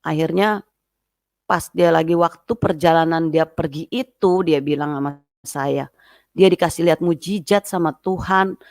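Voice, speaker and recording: Gravelly woman telling her testimony. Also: moderate pace, no echo, clean studio sound. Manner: lively, acts out quoted voices in a high pitch. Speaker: guest giving a testimony. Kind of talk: personal testimony storytelling.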